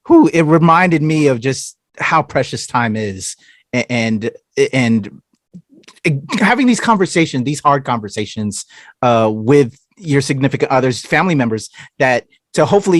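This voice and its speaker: A man hosting an interview, affirming his guest and speaking emotionally with halting fillers. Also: mid-range voice, lively intonation, no echo. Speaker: interview host. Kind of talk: casual interview.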